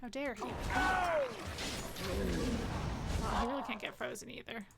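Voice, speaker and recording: A woman streams a game with casual, joking commentary, often answering the characters directly. Her voice sits on the high side and moves up and down a lot as she chats. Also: animated, a little slow, vocal fry, very noisy. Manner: chatty, joking, talks back to game characters.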